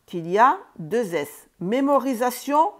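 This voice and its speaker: A woman teaching reading and spelling, sounding out words slowly, syllable by syllable. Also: a little high, big pitch swings, a bit bright. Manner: slow, syllable by syllable, sounding out letters.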